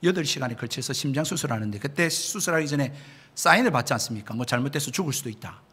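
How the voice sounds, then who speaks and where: A man's voice: mid-range voice, animated, fast, pushed and bright, husky. A man preaching a sermon as pastor, emphatic, often addressing the congregation directly and asking rhetorical questions. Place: church sanctuary.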